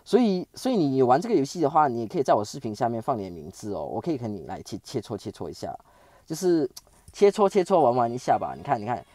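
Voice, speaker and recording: A man giving chatty, excitable commentary over a strategy game he is playing, stumbling and restarting as he talks. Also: medium pitch, quick pace, dry recording. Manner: chatty, excitable, with frequent sentence-final particles and stammered restarts. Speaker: game channel host. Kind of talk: casual gameplay commentary.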